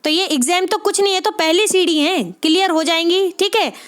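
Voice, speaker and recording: Woman tutor, very high pitch, encouraging exam-prep teacher, constantly checks for understanding. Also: fairly bright tone. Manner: encouraging, repeats "ठीक है?" after nearly every phrase; spells out sounds slowly one by one. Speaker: Hindi literature exam tutor. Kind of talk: spoken exam-prep lesson.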